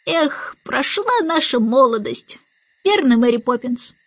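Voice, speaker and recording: A woman's voice: high voice, animated, normal speed, no echo, dull audio. A woman reading an audiobook and voicing a fussy, sentimental old male starling who chatters and talks down to others. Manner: chattering, condescending, rasping whisper at times.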